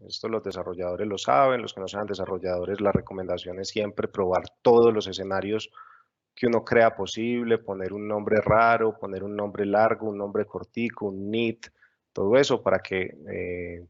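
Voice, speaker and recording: A man's voice: fairly low pitch, highs cut off. A man teaching a webinar tutorial, explaining patiently step by step with frequent fillers. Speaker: software instructor. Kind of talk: screen-share webinar tutorial.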